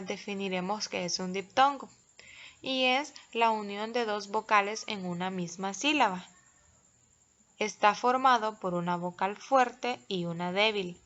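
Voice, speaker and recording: Female teacher, unhurried and methodical, dull lo-fi sound. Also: mid-range voice, fairly bright tone. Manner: slow, careful, spells out syllables. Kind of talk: recorded classroom lesson.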